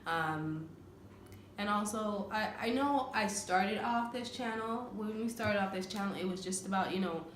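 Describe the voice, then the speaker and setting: A Caribbean woman co-hosts a casual couple's vlog, chatting earnestly with lots of fillers and restarts. Her mid-range voice moves a little slowly, and the recording is reverberant with a faint hiss or hum.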